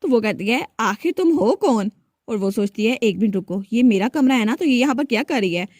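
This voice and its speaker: A woman with a fairly high voice narrates a comic story to a close microphone. The sound is dry, with no room around it. She speaks each character's lines in her own voice and barely changes it. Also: fast talker, a little mellow, no room sound. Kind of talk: retelling a comic story with quoted dialogue.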